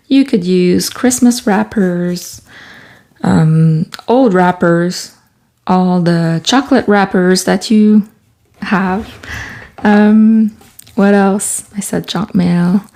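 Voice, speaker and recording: This Quebec-born artist and author vlogger, a native French speaker, has a gentle, mid-range voice and an unhurried delivery. She chats casually as she works on a collage in her small home studio room.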